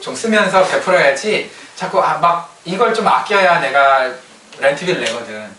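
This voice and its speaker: Brief: man, pastor, animated colloquial sermon, higher bright voice, roomy distant sound. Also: normal speed, a little hiss or hum. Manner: lively, colloquial preaching with acted-out quotes. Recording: roomy hall sound, distant mic, faint ambience.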